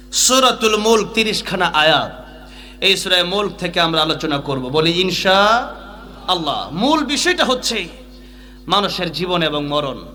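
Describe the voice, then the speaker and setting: A young man preaching a sermon, chanting and singing refrains and urging the crowd to call out along with him. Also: high voice. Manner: sings melodic refrains, urges the crowd to shout along. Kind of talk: Bengali waz sermon, chanted and sung.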